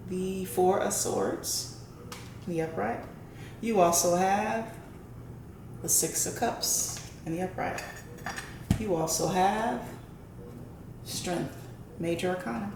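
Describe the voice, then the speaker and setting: A woman's voice: mid-range voice, vocal fry, darkish tone. A woman hosting a casual tarot and horoscope reading for her viewers, often checking in with a questioning "right?". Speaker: tarot reader and channel host. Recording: roomy echo, faint background noise.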